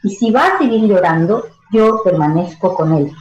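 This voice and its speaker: A woman's voice: mid-range voice, animated, normal speed, darkish tone, echoey room, muffled recording. A woman giving expert advice as a radio interview guest, explaining with everyday analogies. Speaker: stress management educator.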